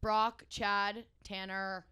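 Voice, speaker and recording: A young comedian co-hosting a podcast, riffing and teasing playfully in casual banter. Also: male voice, high voice, flat delivery, sharp tone, clear, resonant tone. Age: young adult. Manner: quick jokey riffs, playful teasing.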